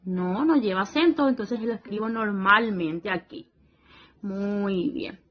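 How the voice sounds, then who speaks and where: A woman teacher talking young children through a worksheet, slow and patient, often praising and checking they follow along. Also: medium pitch, highs cut off. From Paraguay region.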